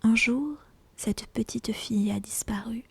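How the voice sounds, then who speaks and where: A woman reading literary fiction as an ASMR audiobook in a hushed, breathy, deliberate whisper, close to the mic. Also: a little high, no echo. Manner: slow, hushed, deliberate storytelling. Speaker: audiobook reader.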